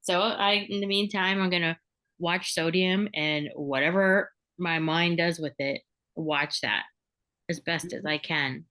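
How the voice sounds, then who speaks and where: Woman, bright tone, earnest chatty sharing on a support call. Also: fairly low pitch, unhurried. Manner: earnest, chatty, filler-heavy. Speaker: peer support group member. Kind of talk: casual spiritual sharing on a video call.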